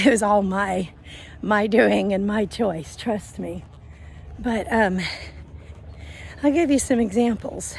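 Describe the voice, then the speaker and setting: Walking through a grassy field, a vlogger in her fifties talks casually in a mid-range voice, a little out of breath. She's chatty and rambling, full of fillers and self-corrections, with faint traffic and a passing airplane in the background.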